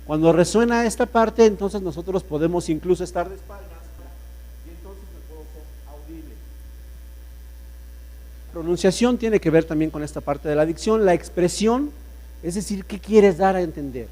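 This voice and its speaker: Guy running a speaking workshop, jokey, voice a bit high but mellow, faint mains hum. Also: fairly quick. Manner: playful, jokey, swings pitch and volume to demonstrate. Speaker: public speaking workshop teacher. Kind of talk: lively workshop lecture with voice demonstrations. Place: workshop room with an audience.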